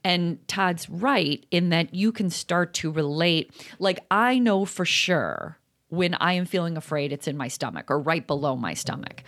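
A woman's voice: on the low side, expressive, unhurried, fairly bright tone. A woman co-hosting a talk show as a therapist, speaking earnestly and reflectively in a casual, chatty way with many fillers. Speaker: podcast co-host and therapist. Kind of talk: casual conversational advice.

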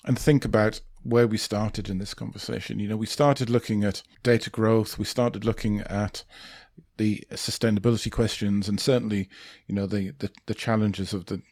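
A man's voice: on the low side, steady tone, normal speed, a little mellow, dry recording. A man hosting a conversational interview podcast, thinking aloud and rephrasing as he goes. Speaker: podcast host.

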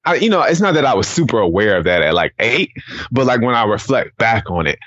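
With a mid-range, fairly bright voice, quick pace, and big swings in pitch, an American man from the Atlanta area of Georgia rambles through personal stories. He is a podcast guest who founded an education non-profit, speaking informally with many conversational tags, and the sound is muffled and roomy.

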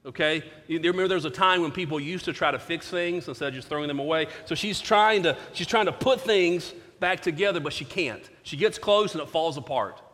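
Guy preaching a sermon, kinda higher voice, big echoey hall, earnest storytelling. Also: brisk, few pauses, a bit bright. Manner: earnest storytelling with frequent restarts.

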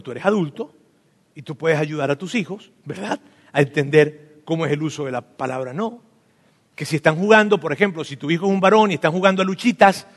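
A man preaching to parents, animated and often acting out talks with his children, repeating words for emphasis. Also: sits high. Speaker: pastor. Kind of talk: sermon to parents. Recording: long echo of a hall.

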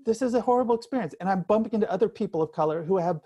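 Middle-aged man, low-pitched conversational storyteller. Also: warm tone, breathy edge, dry recording. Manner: halting, repeats and restarts phrases often. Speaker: interview guest. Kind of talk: candid conversational interview, personal storytelling.

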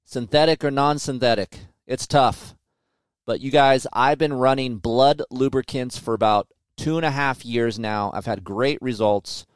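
A middle-aged man hosting a motocross podcast, loose and blunt, swearing as he talks. His voice is mid-pitched and sounds dry and close to the mic, with almost no room around it. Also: measured pace, clear, resonant tone, no echo. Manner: blunt, profane, conversational. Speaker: podcast host and motocross tester. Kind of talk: casual chat.

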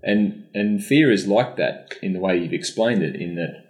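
A man's voice: deep voice, expressive, normal speed, a little mellow. A man co-hosting a podcast, reflecting on a point in a thoughtful, conversational way. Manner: reflective, responds with frequent murmurs of agreement. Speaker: podcast co-host.

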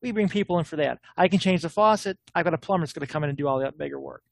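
A man talking bluntly in a casual political chat, quick and opinionated with frequent restarts. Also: a little high, creaky, no echo.

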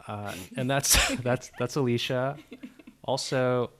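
A young man hosting a podcast, talking casually in a soft, hesitant way with many fillers. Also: medium pitch, steady tone, slow pace, a little hiss or hum. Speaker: podcast host.

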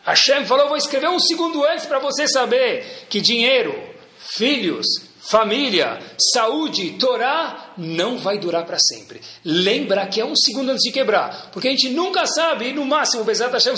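Lively Brazilian rabbi with a bright voice. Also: male voice, high-pitched, reverberant. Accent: Brazilian Portuguese. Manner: animated, rhetorical questions, acts out dialogues. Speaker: rabbi teaching Torah. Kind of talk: Torah lesson.

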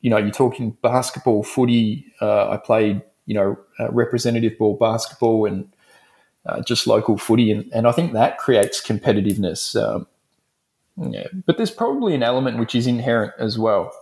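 A man's voice: on the low side, moderate pace, gravelly, darkish tone. An Australian man from Melbourne, a dentist guest speaking in a frank, rambling way in a casual interview.

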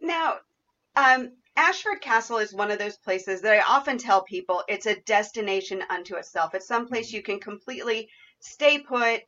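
A woman's voice: medium pitch, normal speed, pushed and bright, lo-fi sound. A woman hosting a podcast interview in a conversational style. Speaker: podcast host.

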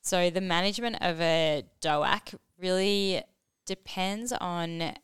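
A woman's voice: lowish voice, takes it slowly, clear, resonant tone, no echo, clean studio sound. A woman hosting a casual educational discussion, explaining things in an informal way. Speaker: podcast host and medical teacher.

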